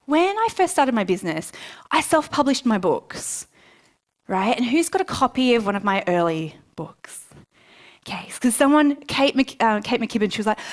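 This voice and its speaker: Woman, live motivational talk, high voice, very animated, chatty and self-mocking. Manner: lively, chatty, self-mocking, quotes herself in asides. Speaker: speaker at a book launch event. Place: event room before a live audience.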